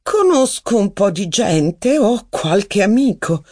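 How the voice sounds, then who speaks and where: A reader doing elderly noblewoman, gracious, modest, gently raised voice, lively lilt, storybook reading. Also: mid-range voice, slow, dry recording, studio quality, pitched above the performer's own voice. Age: older.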